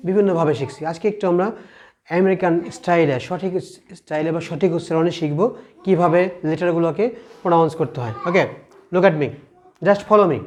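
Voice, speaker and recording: Bengali-accented teacher drilling letter sounds. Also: male voice, on the high side, a little mellow. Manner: asks the class questions and answers them, drills sounds slowly. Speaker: English teacher. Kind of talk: classroom pronunciation lesson.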